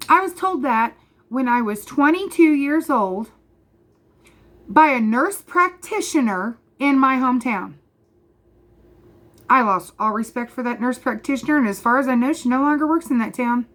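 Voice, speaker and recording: A woman's voice: high-pitched, fairly bright tone. A woman in her thirties ranting passionately to camera as a vlogger, emphatic and repeating her points straight to the viewer. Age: 30s. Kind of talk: passionate direct-to-camera rant.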